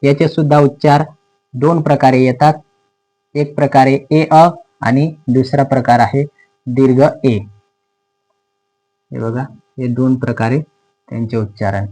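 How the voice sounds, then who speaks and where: A man with a Marathi accent teaching an English pronunciation lesson, slowly and deliberately, repeating words syllable by syllable. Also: medium pitch, fairly even intonation, mellow, rough recording.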